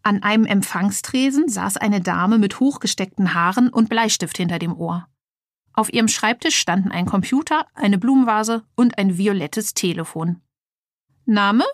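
A woman narrating a children's audiobook with lively, clear storytelling. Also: medium pitch, moderate pace, dry recording, studio quality.

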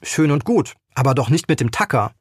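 A man's voice: medium pitch, sing-song, a little fast, husky, no echo, clean studio sound. A man reading aloud and voicing an indignant, bony older woman who lectures and scolds. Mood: scolding.

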